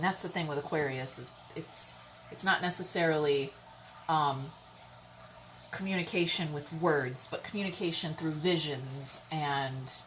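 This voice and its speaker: Low-voiced woman giving a casual tarot reading. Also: slight background noise, poor audio. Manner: chatty, keeps checking in with "okay?" and "all right?"; blunt, swears casually. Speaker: tarot reader.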